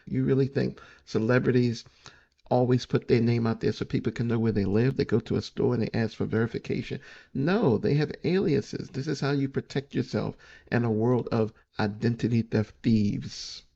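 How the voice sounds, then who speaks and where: Man, 50s, reaction host; raspy, blunt, opinionated, muffled lo-fi sound. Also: mid-range voice, normal speed, mellow. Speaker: relationship coach reacting to a dating show. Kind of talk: reaction commentary. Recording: dull lo-fi audio.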